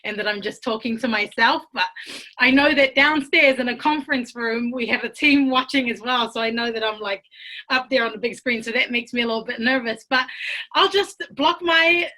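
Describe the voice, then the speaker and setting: A woman with a bright, fairly high voice gives a heartfelt motivational talk from home over a video call. She is earnest and easily moved, often restarting her sentences and leaning on fillers. Her tone stays open and sincere throughout. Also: normal speed. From Tonga. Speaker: business speaker. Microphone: computer mic on a video call.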